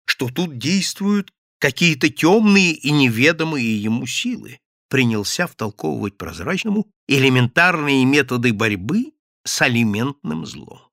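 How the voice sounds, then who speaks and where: A man reading a classic satirical story aloud as an audiobook narrator, in an animated, theatrical way. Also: medium pitch, unhurried, dry recording, clean studio sound.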